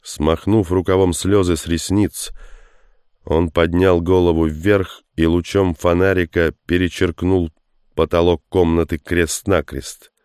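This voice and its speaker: A man narrating an action story with a very deep, smooth voice. His delivery is steady and even. The recording is close and dry, with no room sound. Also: unhurried, no echo. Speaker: audiobook narrator. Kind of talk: scripted narration.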